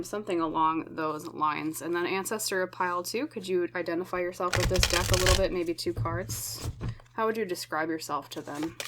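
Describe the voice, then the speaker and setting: A tarot reader with a lowish, slightly scratchy voice, roughened by smoke, guides viewers through a pick-a-card reading. She talks gently, slowly, and reassuringly, using many fillers and tag questions, often checking in with a soft "okay?".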